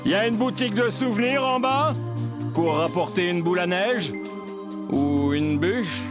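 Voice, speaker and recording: A man's voice: sits high, expressive, a little slow, over music, voice pushed up. A man reading out a chatty game character in a raised, questioning voice while playing. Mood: curious.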